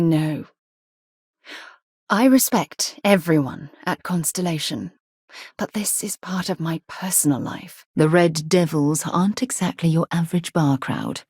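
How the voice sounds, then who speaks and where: In video game companion dialogue, a woman voices a composed, articulate and principled space explorer who leads an expedition. Her low voice moves at a moderate pace, a little mellow with a breathy edge, and her mood is composed and earnest. The recording is dry and studio-clean.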